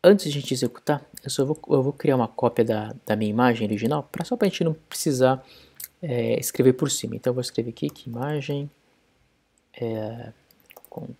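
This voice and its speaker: A man's voice: mid-range voice, gravelly, darkish tone, husky. A man explaining code step by step in a programming tutorial screencast. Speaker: programming instructor.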